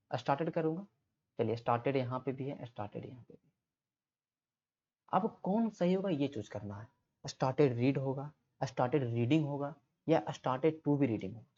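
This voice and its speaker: A man's voice: medium pitch, mellow. A man teaching an exam-prep grammar lesson, explaining step by step and asking and answering his own questions. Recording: slightly muffled lo-fi audio.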